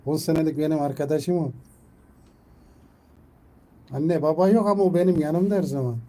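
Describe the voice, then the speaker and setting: A man chatting casually on a live stream at home, coaxing his cat to come inside and calling it loudly by name. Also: on the high side, normal speed.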